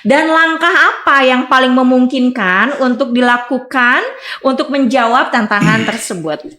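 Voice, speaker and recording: A woman's voice: high-pitched, unhurried, sharp tone, faint music behind. A woman in her thirties hosting a podcast, chatty and upbeat, often coaxing her guest with tag questions. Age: 30s. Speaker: podcast host. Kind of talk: casual podcast conversation.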